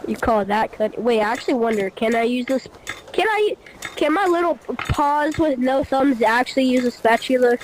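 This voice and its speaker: A woman's voice: high voice, lively intonation, moderate pace, a little hiss or hum. A woman playing a VR game, joking and boasting in casual banter with a friend. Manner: teasing, boastful trash talk. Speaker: VR game player.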